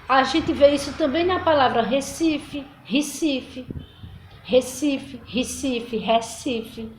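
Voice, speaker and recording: A woman's voice: a little high, a little mellow, slight background noise. A middle-aged woman teacher from Brazil, giving a casual recorded lesson, chatty and often repeating herself. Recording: echoey room.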